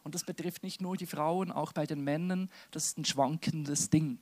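Lebhafter Prediger in der Kirche. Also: male voice, on the high side, normal speed. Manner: lively, jokey, addresses listeners directly. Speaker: pastor. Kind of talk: sermon.

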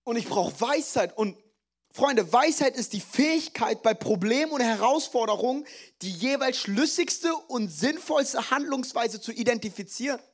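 High-voiced young preacher, lively and joking. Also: male voice, moderate pace. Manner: lively, joking, mixes in English phrases. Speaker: pastor. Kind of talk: sermon.

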